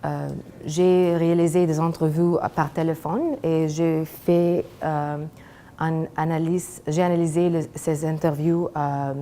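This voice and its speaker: A young woman with a foreign accent in French, a graduate student presenting her research haltingly, searching for words. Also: low-pitched, fairly even intonation, mellow, a little hiss or hum. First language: not French. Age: young adult. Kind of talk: academic presentation of a thesis project.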